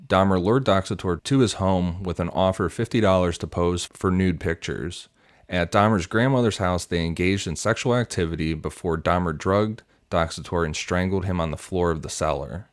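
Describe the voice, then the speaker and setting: A man's voice: low voice, normal speed, no room sound. A man co-hosting a podcast, reading prepared notes aloud steadily and matter-of-factly into a close microphone. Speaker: podcast co-host and researcher.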